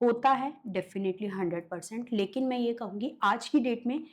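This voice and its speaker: Woman healer on an interview, fairly high voice, lively storytelling, does clients' voices. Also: normal speed. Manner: animated, acts out clients' voices in quotes. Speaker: guest, occult healer.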